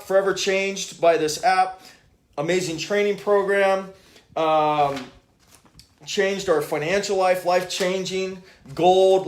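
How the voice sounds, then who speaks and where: A high-voiced man from Hawaii, an author and app developer, hosts a live stream where he reads reviews aloud in a casual way. He sounds enthusiastic but halting, with lots of uh and um fillers.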